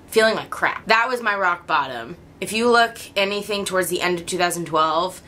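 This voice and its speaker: A woman's voice: lowish voice, moderate pace, pushed and bright, a little hiss or hum. A young woman with a regional American accent talking candidly to her camera in a personal vlog, laughing often. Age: young adult. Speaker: YouTuber.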